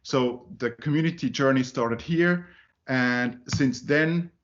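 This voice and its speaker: A conference speaker from Finland who grew up in Zurich and isn't a native English speaker gives a talk at a user group meeting, filled with fillers and restarts. His medium-pitched voice is slow and a bit bright, and the recording sounds muffled.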